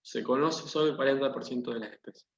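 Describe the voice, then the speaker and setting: A man's voice: medium pitch, fast, a little hiss or hum. A man teaching an online class, patiently explaining and putting questions to his students. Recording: dull, echoey room audio.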